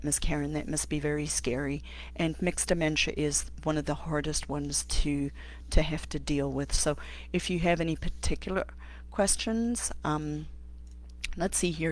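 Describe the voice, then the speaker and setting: A middle-aged woman from Africa, an occupational therapist hosting a live stream and answering viewer questions, thinking aloud with many pauses and restarts. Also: low-pitched. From South Africa. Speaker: host.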